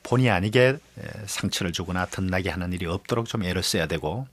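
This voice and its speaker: A man speaking as an expert guest on radio, explaining at length in a measured way with many pauses and fillers. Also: sits low.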